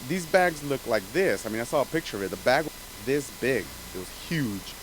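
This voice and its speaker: A man's voice: medium pitch, very animated, a little fast, poor audio. Rambling man over hiss. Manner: loose, rambling, lots of fillers and restarts. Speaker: channel host. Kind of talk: casual chat. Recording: hissy background noise.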